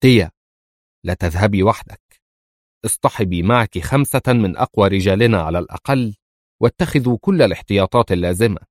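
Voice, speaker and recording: A harsh, imperious woman who leads a gang and snaps out orders, as a man puts her on in a storybook reading. The voice sits low and swings widely in pitch. It sounds close and dry, with no room around it. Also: animated, brisk, no room sound. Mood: commanding. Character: stern commanding woman gang leader.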